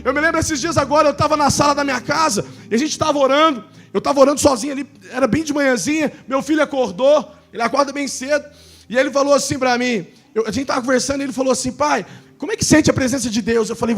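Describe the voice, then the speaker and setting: High-voiced Brazilian man preaching. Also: quick pace. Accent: Brazilian Portuguese. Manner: swings from shouted preaching to hushed storytelling. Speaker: pastor. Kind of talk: sermon.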